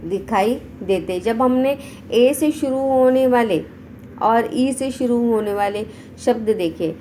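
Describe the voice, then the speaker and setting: Slow-paced woman teaching words. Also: on the high side, darkish tone, a little hiss or hum, low-quality recording. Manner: reads word lists aloud one by one, explaining in between. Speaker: English teacher. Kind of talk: slow online vocabulary lesson.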